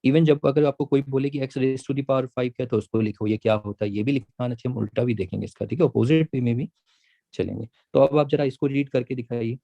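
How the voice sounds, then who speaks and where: A patient male math teacher explains step by step in a mellow, dark voice. He repeats each point and draws the key words out slowly. The sound is dry and close. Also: mid-range voice, steady tone, gravelly, dry recording, highs cut off. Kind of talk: classroom lesson, mixing Hindi and English.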